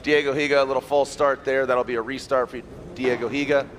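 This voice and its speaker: A man calling a live motorsport event as play-by-play commentator, upbeat and quick with banter and catchphrases. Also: mid-range voice, level tone, a little hiss or hum.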